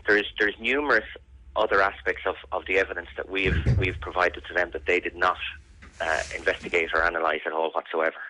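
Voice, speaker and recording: A man's voice: sits low, flat delivery, brisk, sharp tone, no echo, poor audio. An Irish man answering questions in a serious radio interview, earnest and insistent, repeating phrases for emphasis. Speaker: interviewee, bereaved brother campaigning for an investigation.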